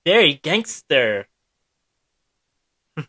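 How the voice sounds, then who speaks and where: A woman voicing a goofy, excitable young male mammoth in a cartoon, laughing and talking like a bro. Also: deep voice, drawn-out words, slightly rough, pitched below the performer's own voice, exaggerated voice. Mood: giddy. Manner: giddy, laughing, bro-ish.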